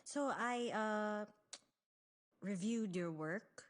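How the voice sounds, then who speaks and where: A woman dubbing a brisk, businesslike magazine boss who explains things in a matter-of-fact way. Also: medium pitch. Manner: brisk, explanatory, mixing English in.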